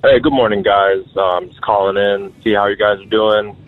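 A man's voice: on the low side, level tone, normal speed. A man leaving a casual, chatty voicemail for a radio show, heard as a phone-line message, easygoing and a little teasing. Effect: voicemail message over a phone line.

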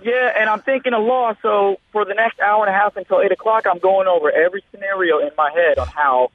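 A man's voice: high voice, fast. A man in his thirties calling into a radio show over the phone, telling a rambling story full of fillers. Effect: phone-line caller on a radio show. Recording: tinny phone line, dry.

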